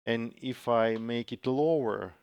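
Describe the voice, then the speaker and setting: A man explaining music software step by step in a tutorial, with frequent pauses and fillers. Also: medium pitch, smooth, no echo. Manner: slow, methodical explaining with frequent uhs. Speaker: software developer demonstrating a plugin. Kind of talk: screen-recorded tutorial. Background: guitar samples playing from the software.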